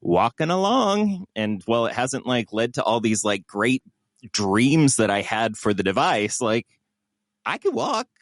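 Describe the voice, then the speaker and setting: A man's voice: mid-range voice, expressive, a little slow, dry recording, studio quality. A man co-hosting a podcast, chatting casually in a rambling, self-mocking way with lots of fillers. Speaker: podcast co-host. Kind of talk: casual chat.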